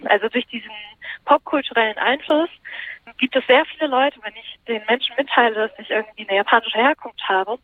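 A woman's voice: on the high side, brisk. A woman journalist answering interview questions in a thoughtful way, searching for her words as she talks. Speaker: journalist and columnist, interview guest. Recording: tinny phone line.

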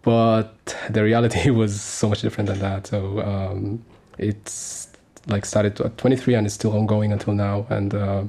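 A man's voice: fairly low pitch, little pitch movement, a little slow, vocal fry, hardly any pauses, warm tone. A man in his thirties from Sudan, speaking as a guest on a community radio interview, earnest and hesitant with many fillers and restarts. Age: 30s.

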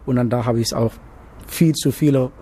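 In a relaxed interview, a young trainee cook from Senegal, whose first language isn't German, describes his cooking apprenticeship. He learned German as an adult and speaks in a steady, mellow, husky medium-pitched voice, often hesitating and pausing to find the right words.

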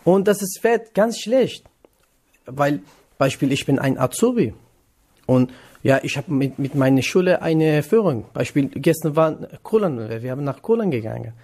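A young man from northern Iraq, talking in a radio interview. His voice sits a touch higher than most men's. His German is halting, with many pauses and fillers. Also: expressive, darkish tone. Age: 20s. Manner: hesitant non-native German with many fillers. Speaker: interviewee, trainee cook.

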